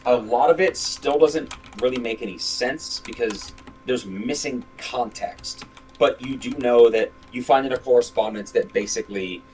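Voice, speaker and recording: A man's voice: medium pitch, a little hiss or hum, low-quality recording. A man running a tabletop game as game master, narrating scenes with many fillers and restarts.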